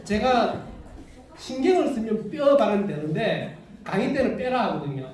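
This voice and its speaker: A Gyeongsang Korean-accented man gives a live, unscripted health lecture at a moderate pace, his darkish voice sitting high with big pitch swings. Talkative and often laughing, he keeps asking the class for agreement. He's heard from across a very echoey lecture room without a working mic.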